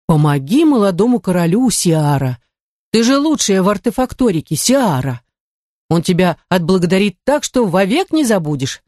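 A pompous curator's words mocked back in a sing-song imitation, as a woman narrator parodies him. The tone is warm and dark, dry and close. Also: mid-range voice, very animated, moderate pace, no echo. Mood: mocking. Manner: mocking imitation. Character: heroine's pompous male curator, mimicked mockingly.

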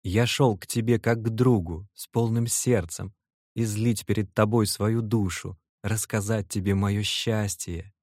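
A man's voice: on the low side, steady tone, measured pace, darkish tone, no room sound, studio quality. A man voicing a sensitive young man who talks in an earnest, heartfelt, pleading way, in an audiobook reading.

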